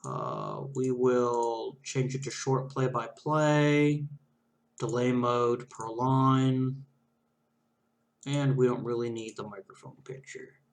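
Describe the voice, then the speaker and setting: A man's voice: medium pitch, lively intonation, takes it slowly, creaky. A man giving casual, conversational, easygoing commentary as he hosts a let's play of a game. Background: video game crowd ambience and background music.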